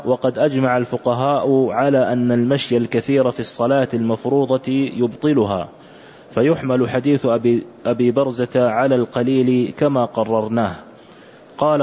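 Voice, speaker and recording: A man reading aloud a classical religious commentary for a teacher, in a measured, careful recitation. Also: mid-range voice, mellow. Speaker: student reading the text aloud. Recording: dull lo-fi recording.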